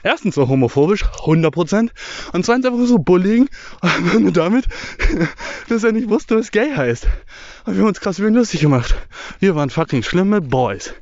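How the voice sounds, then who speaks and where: Out in the woods on foot, this young vlogger chats in a slangy, rambling way, slipping in English words and sounding slightly winded. His voice sits high, a little mellow and expressive, at a normal pace; the recording has no echo but sounds muffled.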